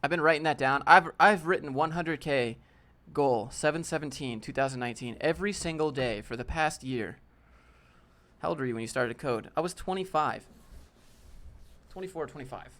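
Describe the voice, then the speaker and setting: A man's voice: a little high, moderate pace, fairly bright tone. A man in his late twenties with a youthful-sounding voice, hosting a laid-back, joking live Q&A and reading viewer questions aloud. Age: 20s. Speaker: live-stream host. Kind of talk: casual live-stream Q&A.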